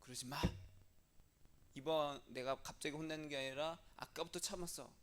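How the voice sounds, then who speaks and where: A male pastor with a slightly raised pitch delivers a sermon in a conversational tone. He asks his listeners questions, acts out prayers in a changed voice and sometimes sinks to quiet, breathy asides. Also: steady tone, fairly quick.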